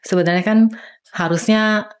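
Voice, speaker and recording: A woman's voice: mid-range voice, fairly even intonation, normal speed. A middle-aged woman, a doctor and hypnotherapist, explaining earnestly in a podcast interview, acting out quoted speech as she goes.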